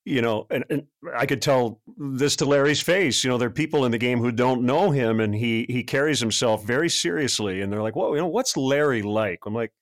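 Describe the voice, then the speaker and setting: A man hosting a podcast chats easily and laughs along with his guest. His voice sits at a middle pitch and sounds dry and close, with almost no room around it. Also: a little fast, few pauses, no room sound. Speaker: podcast host. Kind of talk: casual interview chat.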